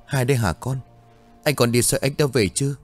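A man's voice: fairly low pitch, animated, a little fast, faint music behind, lightly acted. A man voicing a grieving, frightened old village mother who speaks in trembling, wailing pleas, raised above his own voice. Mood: anxious.

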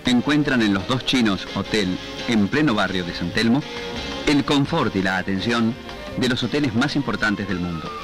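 A man's voice: lowish voice, animated. Argentine man narrating an old newsreel. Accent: Argentine Spanish. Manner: measured, declamatory. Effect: old newsreel soundtrack. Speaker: newsreel announcer. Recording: old newsreel sound with music.

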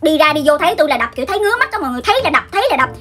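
A young woman, telling a story to her viewers in a lively way and laughing often. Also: high voice, very fast, faint music behind. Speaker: vlogger.

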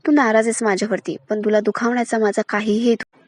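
A woman's voice: a little high, level tone, fast, no room sound, clean studio sound, natural voice. A woman reading the lines of an anxious, dutiful young son while retelling a TV serial. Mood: pleading.

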